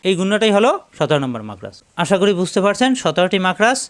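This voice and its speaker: Male Quran teacher, Bangladeshi accent, high clear voice, patient drilling of syllables. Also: very animated. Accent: Bangladeshi Bengali. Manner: slow, repeats syllables for drilling. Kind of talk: step-by-step recitation lesson.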